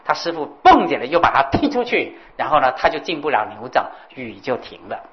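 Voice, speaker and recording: A woman telling a Buddhist story in an animated way, with exclamations and sound effects. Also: very deep voice, brisk, lo-fi sound.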